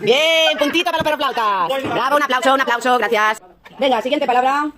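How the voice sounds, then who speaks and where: High, playful woman teacher running a class quiz, chattering students behind. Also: crowd noise. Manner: playful, teasing, brisk countdowns. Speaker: teacher hosting a class spelling contest. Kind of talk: hosting a classroom quiz game. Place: school classroom. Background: noisy students.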